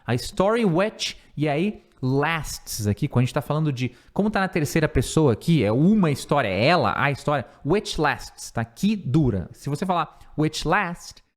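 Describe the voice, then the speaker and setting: A Brazilian man teaches English, his pitch moving in a lively way as he explains grammar. He repeats words slowly over and over so the sounds come through. His voice sits a little above the usual male range. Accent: Brazilian Portuguese.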